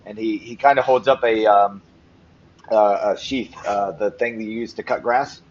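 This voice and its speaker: A man narrating as game master for a tabletop game, relaxed with frequent ums. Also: lowish voice, normal speed. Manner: casual, lots of ums and restarts. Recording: slightly muffled with faint noise.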